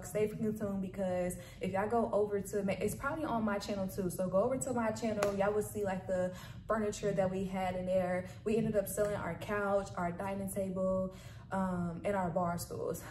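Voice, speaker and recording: A woman's voice: medium pitch, mellow, recorded from a distance. A young woman vlogger chatting casually and upbeat to camera, calling her viewers y'all and baby. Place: sparsely furnished carpeted bedroom, indoors. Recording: echoey empty room with faint ambient noise.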